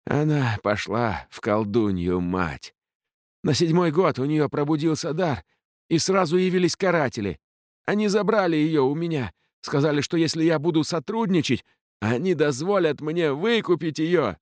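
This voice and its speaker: A man's voice: fairly high pitch, animated, normal speed, no room sound, studio quality, voice pushed up, natural voice. A man doing a whimpering old captain. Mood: pleading. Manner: whining, sobbing pleas. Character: old ship captain, cowardly traitor, pleading and whimpering. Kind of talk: audiobook character voice.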